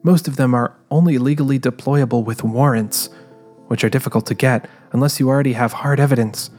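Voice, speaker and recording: Over quiet music, a man reads as a female private detective who is guarded and driven, reflecting inwardly in a scripted audio drama. He sounds natural and brisk at a medium pitch.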